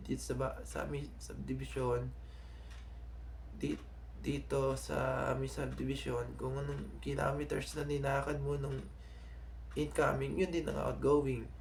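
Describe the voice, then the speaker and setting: A young Filipino man vlogging to his subscribers in a casual, halting way, often stopping to restart and correct himself. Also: a little high, gravelly, slight background noise. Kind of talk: casual vlog talk to subscribers.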